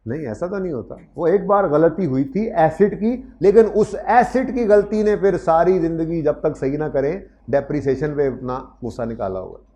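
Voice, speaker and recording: Man lecturing a class, higher voice. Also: normal speed, hardly any pauses, dark tone. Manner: explains step by step, calls students "beta" and "bhai", asks "theek hai na?"; raises his voice to project to the room. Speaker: accounting lecturer. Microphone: microphone in a classroom with hybrid online students.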